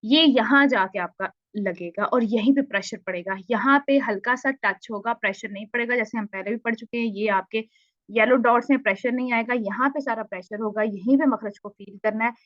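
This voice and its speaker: A woman's voice: fairly high pitch, moderate pace, fairly bright tone, no room sound, lo-fi sound. A woman teaching Tajweed in an online lesson, patiently repeating points and asking checking questions.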